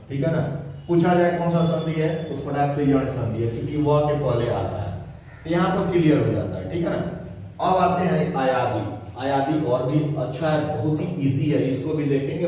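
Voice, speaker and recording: A man teaching a grammar lesson, explaining slowly and repeating points with frequent "right?" checks. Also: fairly high pitch, a little mellow. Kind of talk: classroom lesson. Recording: echoey hall from far off.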